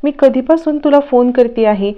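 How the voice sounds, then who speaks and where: A woman's voice: sits high, normal speed, phone-quality sound, voice pushed up, natural voice. A woman voicing a defensive young bride-to-be who answers snappishly, in a TV serial recap.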